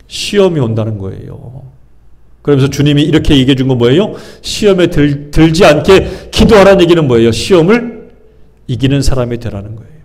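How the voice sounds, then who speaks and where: A man's voice: on the high side, a little mellow. A male pastor preaching a sermon, posing questions to his congregation and answering them himself. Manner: acts out people's inner thoughts in shifting voices.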